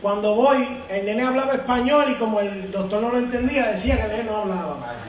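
Male preacher, high voice, shouts fervently, distant mic in a booming hall. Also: a little fast, heavy background noise. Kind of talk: sermon. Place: church hall. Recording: echoey hall from far off with congregation.

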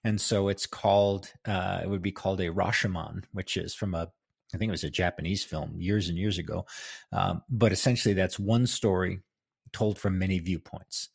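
Gravelly, deep-voiced middle-aged man chatting casually. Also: fairly even intonation, moderate pace, no room sound, studio quality. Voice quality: gravelly, worn voice. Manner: rambling, chuckling, informal. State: voice strained from singing the night before. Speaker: host of a history show, filmmaker and musician. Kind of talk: casual solo chat to listeners.

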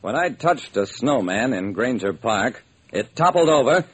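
Playing a hard-boiled detective in old-time radio style, a man of medium pitch narrates his case at a measured pace, his slightly rough voice swinging widely in pitch. The tone is wry storytelling, dramatic and deliberate, heard through a noisy old radio recording.

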